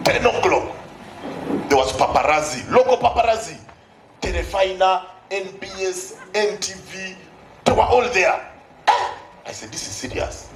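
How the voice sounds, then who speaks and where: On stage at a live comedy show, a man with a Ugandan accent tells a story, animatedly acting out dialogue with exclamations. His voice sits high, moves at a normal speed and pauses often. The recording is echoey, with crowd noise.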